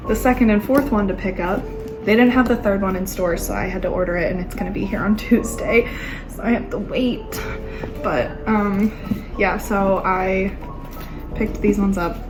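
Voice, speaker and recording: A woman in her twenties, gushing and excitable, chatting casually in a reading vlog at home, often trailing off and restarting. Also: mid-range voice, rough recording. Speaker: book vlogger. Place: at home indoors.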